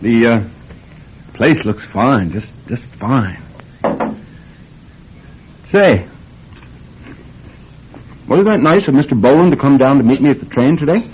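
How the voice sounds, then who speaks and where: An actor playing a polite, hesitant young soldier home from war in a radio drama. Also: male voice, medium pitch, expressive. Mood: earnest, hesitant. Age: young adult. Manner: polite, halting, mild. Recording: dull, noisy old radio recording.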